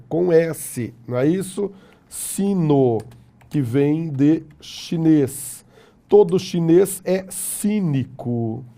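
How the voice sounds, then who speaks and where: A man with a Brazilian Portuguese accent giving a classroom lecture, lively and jokey, often asking the class rhetorical questions. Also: on the high side. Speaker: teacher.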